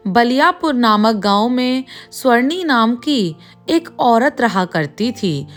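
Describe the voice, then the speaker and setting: Slow, high-voiced woman storyteller. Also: a bit bright. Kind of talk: bedtime story narration.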